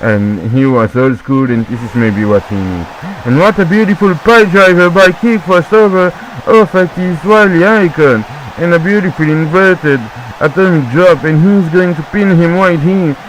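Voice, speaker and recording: A man whose first language is French, doing excitable play-by-play wrestling commentary with jokey asides and repeated calls. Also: a little high, moderate pace, slight background noise, low-quality recording.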